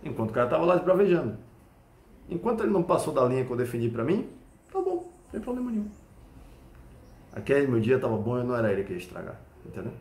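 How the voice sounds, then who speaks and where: A Brazilian man, a Krav Maga instructor, explaining a point through an animated personal story and often checking whether the listener follows. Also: medium pitch, quick pace, pauses often, slight background noise. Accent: Brazilian Portuguese. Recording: echoey room.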